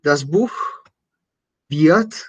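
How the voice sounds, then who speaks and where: A man teaching a beginner German class, patiently repeating German phrases slowly and clearly. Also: on the high side, expressive, muffled recording.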